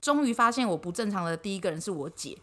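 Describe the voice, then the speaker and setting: A woman's voice: mid-range voice, expressive, quick pace, a bit bright. A woman in her twenties with a Taiwanese Mandarin accent, co-hosting a podcast and telling her own story candidly, acting out the lines of the people in it. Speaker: podcast co-host. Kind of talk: casual chat.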